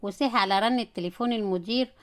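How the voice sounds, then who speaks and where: A woman with an Egyptian Arabic accent, narrating a comic story in a brisk, animated way. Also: mid-range voice.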